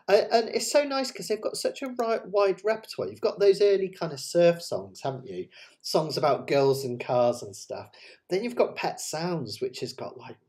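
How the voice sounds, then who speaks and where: The host of this live ukulele play-along talks in a medium-pitched, darkish voice with a West Country English accent. His chat to viewers is casual, rambling, eager and self-deprecating.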